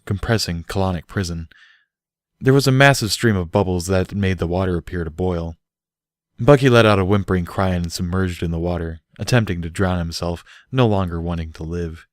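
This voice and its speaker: This is scripted audiobook narration: a male reader with a low-sitting voice reads a story aloud, captured in a dry, studio-quality recording.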